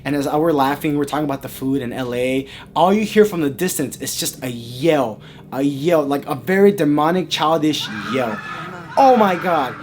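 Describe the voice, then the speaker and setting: A young man vlogging a spooky personal story, animated and dropping to a hush at times. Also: a little high, moderate pace, a little hiss or hum. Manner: animated, with sudden drops to a hush.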